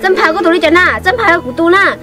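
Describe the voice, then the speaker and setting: A woman acting in an amateur drama, talking in a rapid, chattering way. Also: very high voice, lively intonation, loud music behind the voice.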